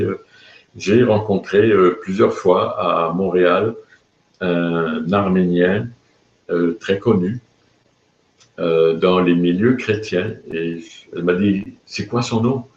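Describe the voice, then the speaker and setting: A man's voice: low-pitched, gravelly, darkish tone. An older man from France, hosting a live video blog and telling stories casually, with many hesitations and fillers. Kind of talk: casual storytelling to camera. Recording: roomy, slightly dull sound.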